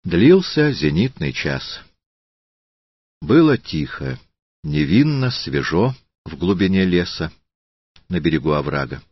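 A man reading a literary audiobook in a slow, deliberate, solemn manner. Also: low-pitched, big pitch swings, husky, no echo, lo-fi sound. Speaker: audiobook narrator.

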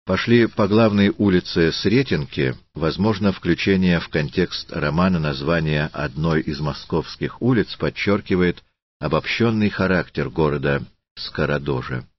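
Deep, husky male audiobook narrator. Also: a little slow, no room sound, lo-fi sound.

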